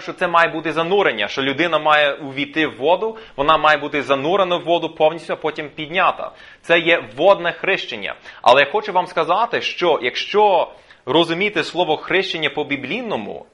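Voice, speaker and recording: Bright-voiced man preaching a sermon. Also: mid-range voice. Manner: teaching, explains step by step with filler pauses. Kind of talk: sermon with scripture reading.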